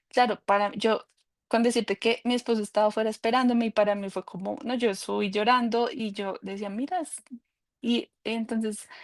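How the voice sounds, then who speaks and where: A woman, giving an earnest, halting faith testimony with frequent restarts. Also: fairly high pitch, vocal fry, no echo. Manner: halting, many restarts and fillers, earnest and confessional.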